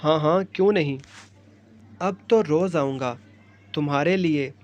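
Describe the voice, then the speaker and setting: A man's voice: on the high side, highs cut off, lightly acted. A man voicing a young man in love who is sick, playful and devoted.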